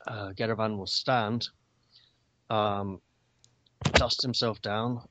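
A man's voice: fairly low pitch, steady tone, slow pace, bright, forceful tone, dry recording. A man taking part in a tabletop game as a player, in casual chat.

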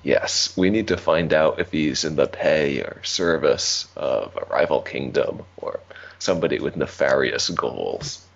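A man with an extremely low, creaky voice plays a tabletop game in a casual, dry way. His speech is a bit husky and the sound is slightly dulled. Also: unhurried. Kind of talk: casual in-character play. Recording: slightly muffled recording.

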